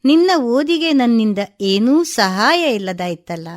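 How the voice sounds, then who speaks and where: A woman's voice: fairly high pitch, very animated, measured pace. A poor, bedridden father in a radio story, played by a woman narrator. He speaks in a plaintive, sorrowful way. The voice keeps close to the reader's own. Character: poor bedridden middle-aged father, grieving and grateful.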